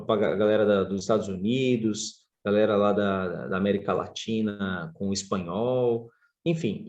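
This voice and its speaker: A man from Brazil, a podcast guest and surf instructor telling stories in a casual interview, his pitch jumping up expressively. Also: darkish tone.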